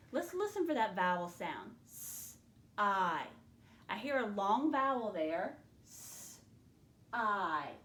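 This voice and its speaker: A woman teacher leading a spelling lesson, slowly and clearly sounding out syllables and letters for her students. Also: mid-range voice, echoey room. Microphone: in front of a whiteboard.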